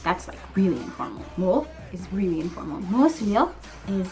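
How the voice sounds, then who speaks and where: A woman teaching everyday phrases in a casual vlog, animated and acting out little scenes with frequent laughs. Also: medium pitch, rapid-fire, soft background music. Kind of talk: casual language lesson vlog. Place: living in Korea.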